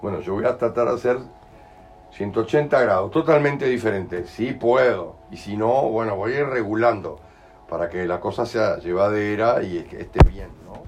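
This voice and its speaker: This Uruguayan-accented man leading an in-person healing talk to a small group has a lowish, darkish voice and a moderate pace. Colloquial in manner, he acts out everyday examples and frequently asks "¿entendés?" The low-quality recording carries slight background noise.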